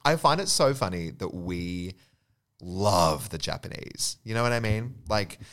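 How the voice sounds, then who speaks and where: A man chatting casually as a podcast guest, animated and swearing freely with frequent laughs. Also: sits low, unhurried, clean tone. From Australia.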